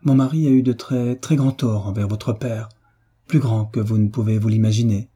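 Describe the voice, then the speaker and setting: A man voicing a dignified elderly grandmother who speaks slowly with a touch of haughtiness, in an audiobook. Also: lowish voice, steady tone, warm tone, breathy edge. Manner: slow, slightly haughty. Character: dignified elderly Russian grandmother, proud but kind.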